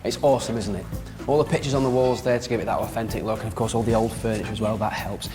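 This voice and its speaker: A man's voice: on the low side, very fast, big-room sound, music in the background. A man hosting a TV prank show, chatty and jokey as he presents to camera.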